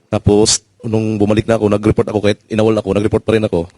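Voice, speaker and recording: Deep-voiced man, fast and earnest. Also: completely flat delivery, dark tone, no room sound. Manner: earnest, pleading, polite. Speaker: former soldier. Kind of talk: personal testimony in a panel.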